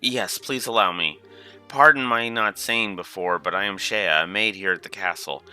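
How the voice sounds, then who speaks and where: A man plays a dutiful castle maid from a fantasy game. The delivery is formal and deferential, low but very bright, with faint music behind. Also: normal speed, clear, resonant tone. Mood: courteous.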